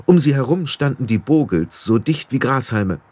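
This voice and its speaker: A man narrates an audiobook in an expressive storytelling manner, using a medium-pitched voice at normal speed, with no room sound.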